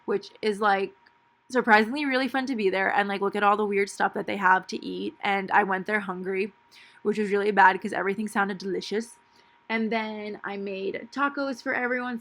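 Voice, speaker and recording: Young woman, casual planner chat, bright tone, gravelly fry, lots of likes and ums. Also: mid-range voice. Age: young adult. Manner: chatty, filler-heavy with lots of "like". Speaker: planner vlogger.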